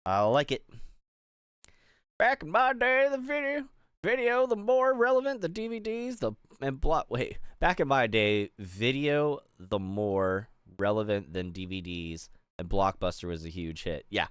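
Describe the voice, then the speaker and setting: Building a toy set on stream, a middle-aged Pittsburgh-area man rambles casually, full of fillers and restarts. His mid-range voice is expressive, smooth, and fairly bright, a little slow, captured in clean studio sound with no room sound.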